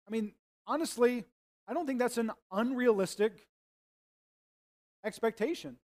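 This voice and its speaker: A man's voice: extremely high pitch, a little slow, darkish tone. A man serving as pastor, praying and preaching a sermon in an earnest, conversational way. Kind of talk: sermon with prayer and scripture reading.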